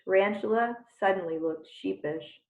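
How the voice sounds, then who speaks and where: A woman reading a children's chapter book aloud with unhurried, expressive storytelling. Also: medium pitch. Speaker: reader. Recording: tinny phone-like sound in a roomy space.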